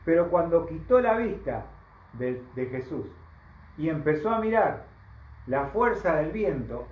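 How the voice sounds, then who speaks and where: A man with a Rioplatense Spanish accent preaching a sermon, slow and emphatic, often asking the congregation rhetorical questions. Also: fairly high pitch, reverberant, poor audio. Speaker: pastor.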